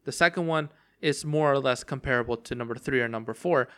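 This young man talks fairly quickly in a mid-range, fairly bright voice while hosting a casual solo podcast on a game. He rambles, restarts, and fills gaps often, his voice cracking and strained from extended talking.

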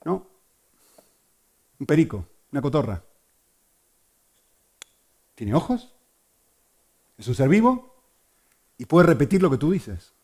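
A man preaching a sermon to a congregation, swinging between loud emphasis and hushed asides. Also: on the high side, very animated, takes it slowly, pauses often.

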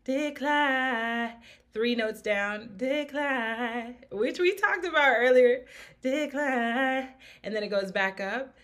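A woman's voice: a little high, animated, measured pace, fairly bright tone. A woman vocal coach giving an upbeat, encouraging singing lesson, singing short examples between explanations. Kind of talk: singing lesson with sung demonstrations. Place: home studio podcast.

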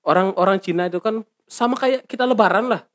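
A man's voice: high voice, fairly quick, fairly bright tone. A man chatting casually about hotel work, joking and breaking into laughter often. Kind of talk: casual podcast chat.

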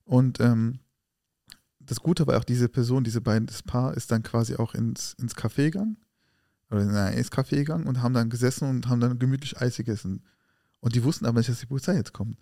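A man co-hosting a casual podcast, retelling events in an animated way and acting out the quoted dialogue. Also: mid-range voice, fast, vocal fry, no room sound, studio quality. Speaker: podcast co-host. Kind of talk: casual conversation and storytelling.

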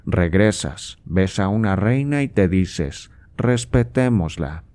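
Reading an audiobook aloud, a man voices a scornful, impatient old nobleman sarcastically scolding his son, in a coaxing mood. His low, mellow voice moves slowly with lively intonation.

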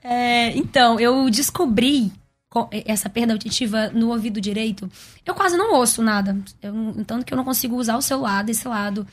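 Fast-talking Brazilian woman singer. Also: on the high side. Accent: Brazilian Portuguese. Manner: quick, chatty storytelling with frequent laughs. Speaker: worship singer, guest. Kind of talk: casual interview chat.

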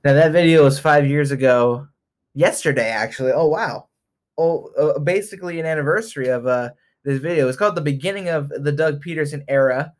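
A young man in his early twenties talks in a casual, chatty way as a sports fan vlogger. His voice sits a bit high for a man. He laughs easily and pokes fun at himself. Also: brisk. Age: 20s.

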